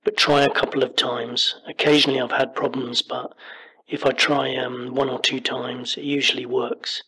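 A man's voice: medium pitch, flat delivery, moderate pace, bright, forceful tone, breathy edge, low-quality recording. A podcast host heard through his own recorded voice message, patiently explaining step-by-step instructions and repeating himself. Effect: recorded voice message played back. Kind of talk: casual spoken instructions.

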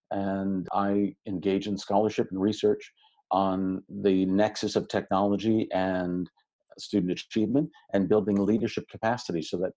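A man over sixty, a podcast guest and education researcher, answering questions in an articulate, relaxed and welcoming way with occasional fillers. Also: deep voice, highs cut off. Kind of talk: reflective interview answers.

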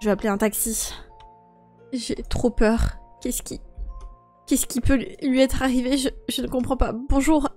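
A young woman of eighteen talks in a high voice, stammering and emotional, often muttering to herself. A woman voices her in a game role-play. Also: steady tone, moderate pace, warm tone, faint music behind. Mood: anxious. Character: young woman just turned eighteen, anxious and grieving. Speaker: host and role-player.

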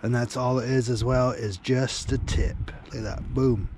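A man in his forties, medium-pitched and speaking at a normal speed, vlogs casually about fishing on an outdoor riverbank into an action camera held close or set nearby. The audio is poor, with wind and ambient noise. He's a laid-back angler who says "man" and "dude" a lot and gets excitable when he lands a fish.

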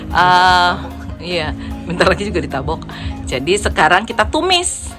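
Teasing mom directing a kitchen. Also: female voice, fairly low pitch, very animated, a little slow, over music. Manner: playful, teasing, bossy directions. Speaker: mother guiding kids through cooking. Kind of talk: casual instructional cooking chat. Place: home kitchen.

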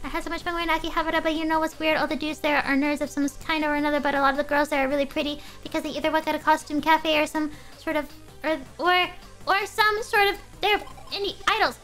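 A woman's voice: high voice, fairly even intonation, quick pace, fairly bright tone, faint music behind. A young woman streaming a game in a casual, rambling way, often reading the game's lines aloud in a doting voice. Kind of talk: casual live game commentary.

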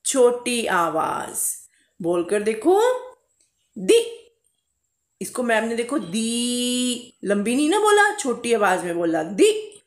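Here a primary school teacher reads Hindi to young pupils syllable by syllable in a fairly high, sing-song voice, drawing out her vowels. She calls herself "ma'am" and addresses the children as beta, recorded in an echoey room.

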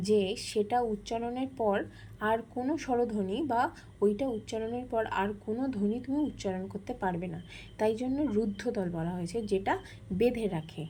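Higher-voiced woman teacher going over grammar, warm mellow tone, faint hiss behind. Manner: explains step by step, often asking and answering questions. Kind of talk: grammar lesson explanation.

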